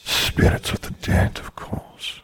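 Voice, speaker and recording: A man voicing Death, a polite skeleton in a robe, in a soft, breathy whisper with an unhurried, dry manner. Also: lightly acted. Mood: calm, wry. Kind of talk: audiobook character voice.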